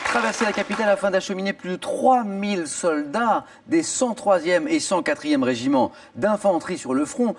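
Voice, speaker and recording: A man's voice: high-pitched, vocal fry. A man hosting a television quiz show in a studio, reading clues theatrically and cheering contestants on. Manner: animated, theatrical, exclaiming. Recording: from a distance over music and audience. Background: theme music and studio audience.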